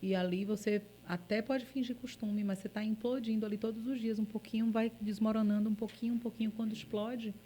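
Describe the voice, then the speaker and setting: A woman with a Brazilian Portuguese accent, a journalist guest on a podcast, chatting in a playful, joking and expressive way. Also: medium pitch, brisk, few pauses, slight background noise. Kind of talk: casual podcast chat.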